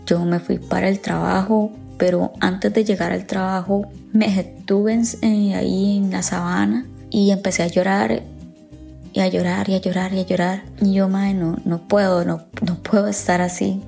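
Costa Rican woman, 30s, candid personal testimony, dark gravelly voice. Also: mid-range voice, flat delivery, moderate pace, faint music behind. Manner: candid, emotional, with wry laughs.

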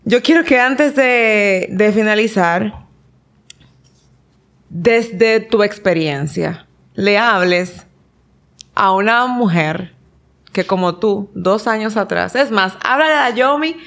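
A woman's voice: medium pitch, expressive, takes it slowly, long pauses, a bit bright. A woman hosting a podcast interview, encouraging her guest and steering the conversation with affirmations. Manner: encouraging, guiding the talk with affirmations. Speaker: podcast host, mentor.

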